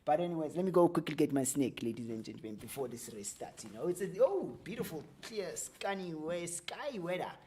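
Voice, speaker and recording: A man's voice: a little high, brisk, few pauses. Chatty man calling a sim race over noise. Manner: chatty, jokey, chats with stream viewers between calls; excited and loud during race action. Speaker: sim racing commentator. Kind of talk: casual live race commentary.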